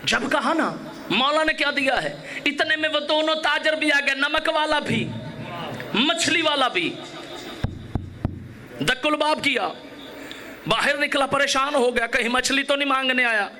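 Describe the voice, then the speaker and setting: High, bright Pakistani cleric preaching. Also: male voice, measured pace, pauses often. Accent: Pakistani Urdu. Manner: dramatic, acts out dialogue, rises to shouted climaxes. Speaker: Shia cleric reciting a majlis. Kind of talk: sermon storytelling with chanted climaxes. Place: mourning gathering hall.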